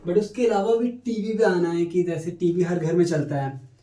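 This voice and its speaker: A man's voice: high voice, normal speed, mellow. A man in his twenties talking casually about his dreams in a personal vlog, reflective and full of fillers, dropping in English phrases. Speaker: vlogger. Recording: echoey room.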